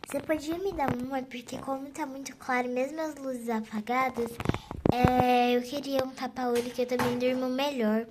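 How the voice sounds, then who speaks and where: A woman's voice: high-pitched, steady tone, normal speed, very noisy, natural voice. A young woman voicing a tired mother on a flight with a crying baby, sighing and weary. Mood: polite. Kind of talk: game role-play voiced over.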